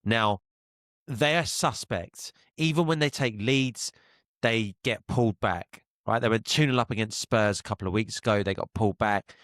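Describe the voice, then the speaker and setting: A man's voice: on the low side, a bit bright, no room sound, clean studio sound. Blunt man hosting football chat. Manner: blunt, opinionated, quick to laugh. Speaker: podcast host.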